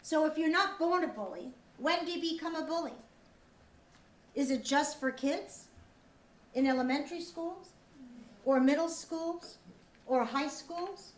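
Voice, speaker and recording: A high-pitched woman delivers an earnest, upbeat lesson to schoolchildren. She quizzes them as she goes and repeats key points. The room echoes and the microphone sits at a distance. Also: measured pace, long pauses. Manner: earnest, upbeat, asks questions and repeats answers. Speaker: teacher leading a school lesson. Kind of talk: interactive school lecture to children. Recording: roomy, distant mic, faint background noise.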